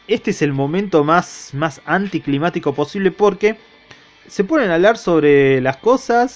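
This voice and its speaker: A young man with an Argentine accent giving a casual spoken review of a manga, irreverent and slangy and swearing freely. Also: high-pitched. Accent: Argentine Spanish. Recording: dull lo-fi recording.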